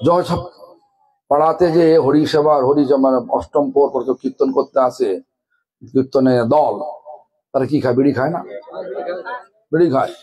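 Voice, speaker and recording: A man's voice: a little high, a little mellow, breathy edge, poor audio. A man with a Bengali accent giving a scolding sermon, asking the audience one rhetorical question after another. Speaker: guru giving a religious discourse.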